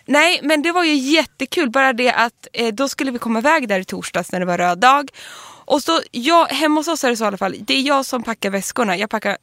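A woman co-hosting a podcast in casual chat, telling a story with lively acted-out quotes. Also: high-pitched, hardly any pauses, dry recording, studio quality. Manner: lively storyteller who acts out quoted lines. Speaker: podcast co-host.

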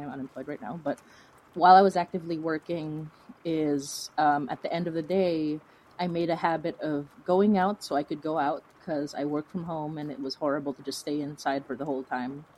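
A woman with a low, darkish voice is heard on a low-quality recording. A fiction podcast creator appearing as an interview guest, she chats casually, rambling informally and poking fun at herself.

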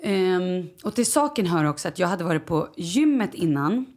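A woman, chatting on a podcast and telling a story with plenty of energy. She swings her pitch up when she quotes others and acts out the people in her tale. Her delivery is casual and quick. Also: sing-song, darkish tone. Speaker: podcast co-host. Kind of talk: casual chat.

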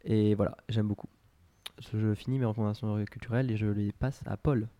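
A man's voice: lowish voice, steady tone, brisk, dark tone, dry recording. Rambling, hesitant French-speaking man. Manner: rambling, hesitant, full of restarts. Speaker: podcast co-host. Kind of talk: casual chat.

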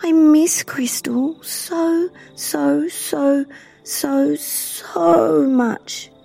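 A woman voicing an emotional little girl of nearly eight, high and exclaiming. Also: animated, slow pace, vocal fry, faint music behind, full character voice. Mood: whispering sadly.

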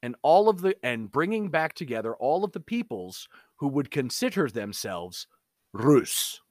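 A man's voice: mid-range voice, very animated, a little slow, a little mellow, dry recording, studio quality. A man delivering an emphatic, opinionated commentary monologue.

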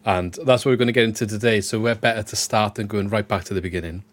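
A man's voice: fairly low pitch, steady tone, fast talker. A man with a Swansea Welsh accent, hosting a podcast in a conversational way. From Swansea, Wales. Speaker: podcast host.

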